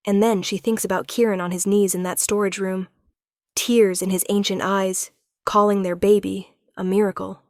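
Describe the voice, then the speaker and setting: A woman giving smooth, unhurried scripted narration of a romance story. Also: medium pitch, level tone, darkish tone, no room sound, clean studio sound.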